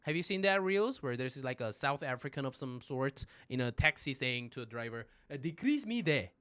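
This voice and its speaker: A man teaching phrases in a live-streamed lesson, joking, swearing casually and making loud sound effects. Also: medium pitch, moderate pace, clear, resonant tone, no echo. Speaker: Korean language teacher.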